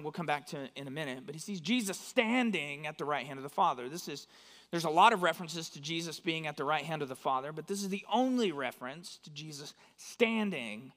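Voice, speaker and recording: A man's voice: fairly high pitch, a bit bright. A man from West Texas, preaching a sermon in a church in a conversational way and often checking in with his listeners. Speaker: pastor. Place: church sanctuary. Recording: long hall reverb.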